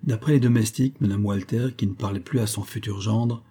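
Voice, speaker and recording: A male narrator reads a classic novel with measured, expressive storytelling. His voice is low and mellow. It has a husky, slightly breathy texture. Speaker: audiobook narrator. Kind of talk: literary audiobook narration.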